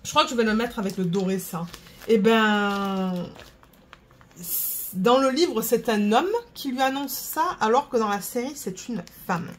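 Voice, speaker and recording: A woman's voice: fairly high pitch, a little slow. Female vlogger, casual rambling chat with faint noise under it. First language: French. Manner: rambling, stops to search for words.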